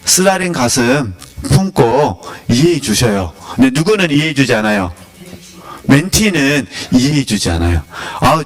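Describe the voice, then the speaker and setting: A man teaching in a relaxed sermon style, talking to his listeners like a conversation. He keeps throwing questions at them and lets out small chuckles as he goes. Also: medium pitch. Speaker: teacher of a spiritual academy.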